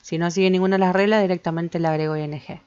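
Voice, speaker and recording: A woman's voice: lowish voice, fairly even intonation, racing, dark tone, slight background noise. A woman English teacher, patiently explaining grammar and checking in with her students again and again. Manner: patient, repeats points and checks with "¿sí?". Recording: slightly dull lo-fi recording.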